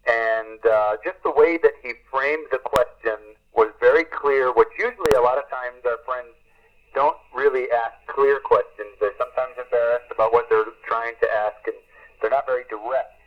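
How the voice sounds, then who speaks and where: A man speaks over a walkie-talkie, so his voice comes through a muffled, lo-fi radio link. His pitch sits in the middle range. He gives a calm, earnest report, pausing often with "uh" and closing each turn with "over". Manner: earnest, unhurried, with many "uh" fillers. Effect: heard over a walkie-talkie radio link. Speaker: missionary reporting from the field. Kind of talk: two-way radio report, ending turns with "over". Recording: dull lo-fi radio transmission.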